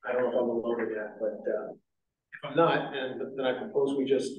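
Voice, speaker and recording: A man's voice: mid-range voice, steady tone, fairly quick, muffled recording. A man chairing a city zoning board meeting, talking in a rambling way with many fillers and restarts. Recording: echoey meeting room, distant mic.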